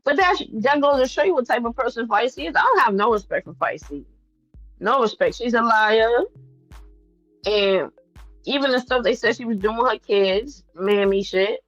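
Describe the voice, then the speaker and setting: A woman's voice: a little high, moderate pace, a bit bright, dry recording, lo-fi sound, faint music behind. A woman chatting candidly and bluntly on a livestream, swearing freely and repeating phrases for emphasis. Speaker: livestream host. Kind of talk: casual, candid livestream chat to viewers.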